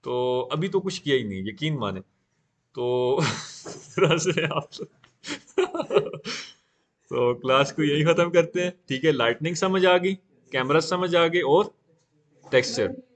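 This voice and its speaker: Casual male software class instructor. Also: fairly high pitch, moderate pace, a little hiss or hum. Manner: casual, repeats "theek hai" often. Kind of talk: live class walkthrough.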